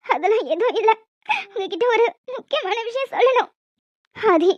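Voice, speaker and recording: Lady doing a squeaky young cartoon wife, teary and hopeful, dry muffled audio. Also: a little fast, darkish tone, no echo. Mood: tearful joy. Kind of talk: cartoon voice acting. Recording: dull lo-fi audio with faint music.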